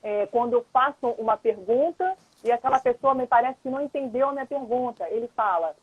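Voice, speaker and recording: High-voiced woman explaining on a lo-fi stream. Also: animated, brisk, breathy edge, dry recording. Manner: explains patiently, often tags questions with "né?". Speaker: lawyer and mediator, guest. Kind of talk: explanatory casual chat on a live stream. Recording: dull lo-fi live-stream audio, dry.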